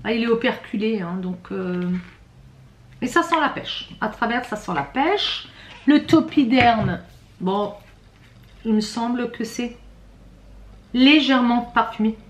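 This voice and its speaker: A woman's voice: on the high side, expressive, measured pace, long pauses, echoey room, a little hiss or hum. A woman vlogger chatting casually through a beauty box unboxing, hesitant and full of fillers and restarts, with a slightly rattly voice. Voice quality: self-described rattly voice.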